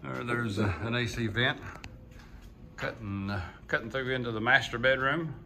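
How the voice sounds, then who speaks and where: This man sounds mid-range and sharp at a normal pace as he vlogs his house build on a phone he holds himself. He's an older, folksy guy narrating casually through the unfinished wooden frame, indoors and out on the steps, with lots of "uh" fillers and a "yeehaw."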